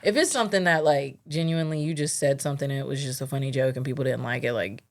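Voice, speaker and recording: A woman's voice: a bass voice, fairly even intonation, quick pace. A woman co-hosting a podcast in casual, profane chat, laughing often and acting out quotes. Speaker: podcast co-host.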